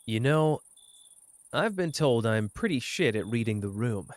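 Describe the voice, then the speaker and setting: In an intimate roleplay audio performance, a man plays a cocky young sorcerer who teases his partner tenderly and speaks informally. His medium-pitched, everyday-sounding voice has lively intonation and an unhurried pace, recorded dry. The mood is awkward yet sincere, and he hesitates when talking about feelings.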